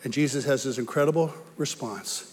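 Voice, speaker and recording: A male pastor preaching a sermon in an earnest storytelling way, his voice rising as he gets excited. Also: medium pitch, brisk, breathy edge. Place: church sanctuary. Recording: long church reverb.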